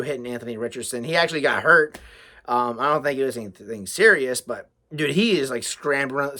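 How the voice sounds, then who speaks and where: A man's voice: mid-range voice, fairly bright tone. A young American man giving a casual, unscripted sports fan rant, blunt and exasperated, with plenty of swearing.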